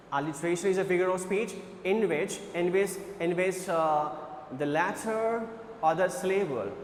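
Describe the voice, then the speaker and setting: A man's voice: high-pitched, reverberant, big-room sound, slight background noise. A male English teacher with an Indian accent lecturing on a poem, switching between Hindi and English and repeating phrases as he explains.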